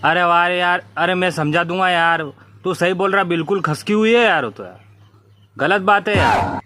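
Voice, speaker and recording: A man's voice: high voice, moderate pace, pushed and bright. A man in a comic phone-call sketch, talking in a rustic, exclaiming way. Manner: rustic, exclaiming, repeats "yaar". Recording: faint background noise.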